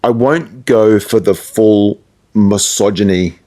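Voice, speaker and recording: This middle-aged radio presenter, from Perth and with an Australian accent, is interviewed in a relaxed way and works through his thoughts aloud. He has a warm, lowish voice and a slow pace.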